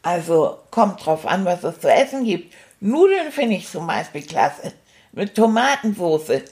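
A woman's voice: lowish voice, very animated, unhurried, a little mellow. A woman voicing a cheerful, cheeky male stuffed toy rat, retelling events in a chatty, rambling, fond way. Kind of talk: first-person storytelling.

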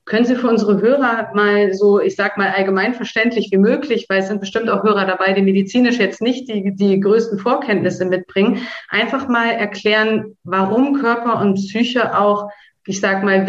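A woman hosting a podcast interview, eager and effusive as she introduces and questions her guest. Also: mid-range voice. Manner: eager, effusive, repeats "spannend". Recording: roomy, dull lo-fi sound.

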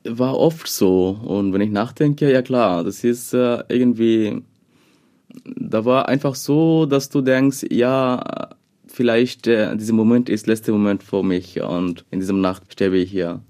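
A young adult man from Bangladesh, speaking in a second language, answers interview questions haltingly and with many fillers. His voice is on the low side and warm.

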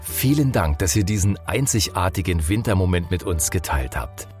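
A man's voice: low voice, expressive, normal speed, over music. A man reading a friendly scripted outro as podcast host.

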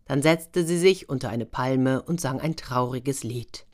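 A woman narrating a fairy tale in a gentle, expressive storytelling manner. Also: extremely low pitch, measured pace. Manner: gentle, expressive storytelling, brief voices for figures.

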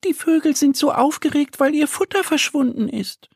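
A man's voice: very high-pitched, normal speed, darkish tone, no room sound, clean studio sound, voice pushed up. A man voicing a kind, helpful little duck girl who explains things in a children's audio story. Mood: eager. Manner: eager, explaining.

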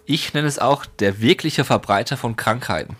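A man's voice: mid-range voice, moderate pace, fairly bright tone, slightly rough. A man co-hosting a podcast, chatting casually and explaining facts, sometimes stumbling over words. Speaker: podcast co-host. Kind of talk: casual chat.

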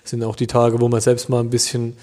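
A man in his thirties from Germany, a winemaker answering interview questions in a relaxed, hesitant way with many fillers. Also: medium pitch, brisk, in a large hall. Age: 30s.

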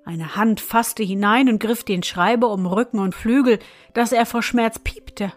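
A woman reading a fairy tale aloud as narrator, in an even storytelling manner. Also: fairly high pitch, unhurried, faint music behind.

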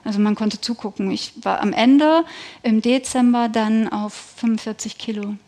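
A woman's voice: fairly high pitch, moderate pace, darkish tone. A woman speaking in a slightly raised register, earnest and emphatic as she recounts her own experience. She talks as an interview guest, giving a personal testimony of faith in a conversational tone.

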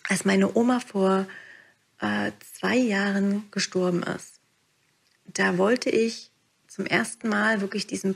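A woman and meditation teacher talking calmly through a podcast monologue, guiding the listener and dropping to soft whispers on key phrases. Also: mid-range voice, creaky, breathy edge.

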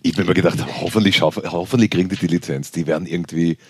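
An Austrian man hosts a sports podcast in a joking, chatty way, full of quick asides. His voice sits low with a husky edge. The sound is close and dry. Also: steady tone, darkish tone, no echo. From Styria, Austria. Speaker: podcast host. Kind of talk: casual sports podcast chat.

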